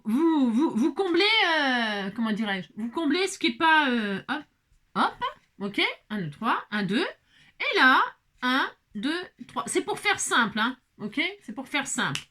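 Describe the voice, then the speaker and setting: A woman's voice: fairly high pitch, sing-song, measured pace, sharp tone. A woman hosting a craft tutorial, explaining coloring steps in a chatty way, with many fillers and self-corrections. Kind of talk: casual step-by-step craft demonstration.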